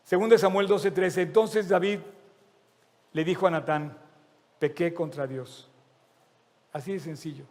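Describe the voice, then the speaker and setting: A man's voice: on the high side, a little mellow. A man preaching a sermon. He speaks in an earnest, emphatic way and repeats his key phrases. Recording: long reverb of a large hall.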